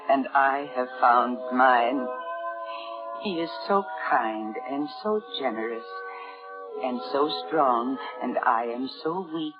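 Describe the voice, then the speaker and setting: In a 1950s radio drama, an actress plays a timid, naive, lovestruck spinster of sixty who keeps a diary. Her very deep female voice delivers breathless, hesitant, dramatic diary narration in a rapturous mood. The vintage broadcast sounds muffled, with music.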